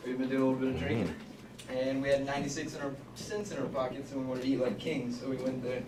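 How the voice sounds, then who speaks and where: A man from Alabama performing a stand-up comedy set, telling a rambling story in a deadpan way. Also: mid-range voice, quick pace. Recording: echoey distant club recording with noise.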